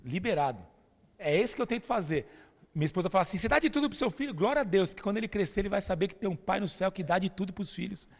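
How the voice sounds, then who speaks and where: High, gravelly Brazilian pastor preaching. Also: male voice, racing, long reverb tail. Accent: Brazilian Portuguese. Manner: emphatic, familiar, calls listeners "dear". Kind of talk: sermon.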